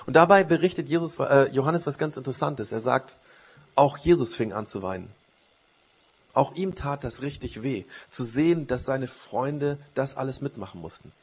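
A man preaching a sermon, retelling a Bible story with a storyteller's rise and fall and dropping low for quoted words. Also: moderate pace, slightly rough.

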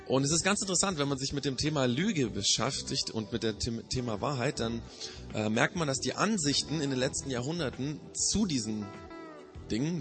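A man's voice: mid-range voice, fairly bright tone. A man hosting a spoken program, introducing a segment in loose, chatty explanations. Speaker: host.

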